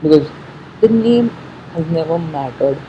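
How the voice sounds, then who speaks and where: A fan giving casual commentary on an episode preview, haltingly thinking aloud, repeating and correcting themselves, on a muffled recording. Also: mid-range voice, expressive. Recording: muffled sound with faint background noise.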